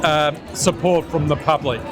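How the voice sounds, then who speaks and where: A man's voice: a little high, fairly even intonation, moderate pace. A man speaking as a senator in an event interview, enthusiastic and restarting his sentences. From Australia. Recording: event with music and crowd chatter.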